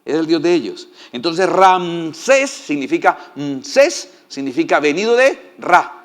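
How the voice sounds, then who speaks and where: Brief: male preacher, sermon, folksy and humorous, fairly high voice. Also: sing-song, measured pace, a bit bright. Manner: folksy, joking, asks the congregation for assent. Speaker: pastor.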